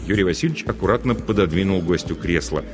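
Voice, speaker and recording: A man narrating an audiobook in a composed, even storytelling manner. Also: low-pitched, quick pace. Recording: music underneath.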